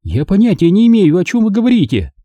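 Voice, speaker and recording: Man voicing high shrill storybook woman, indignant, scheming, dark mellow tone, dry close sound. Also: animated, moderate pace, no room sound. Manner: shrill, indignant, easily flustered. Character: anxious scheming wealthy middle-aged woman. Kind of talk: audiobook character reading.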